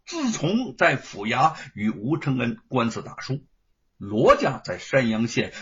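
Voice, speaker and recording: A man narrating a story in an animated, dramatic storytelling manner. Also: medium pitch, breathy edge. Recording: dull lo-fi recording.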